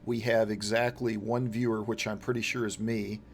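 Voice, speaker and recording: A man's voice: fairly low pitch, little pitch movement, normal speed, a little hiss or hum. A man acting as game master, running a tabletop role-playing game.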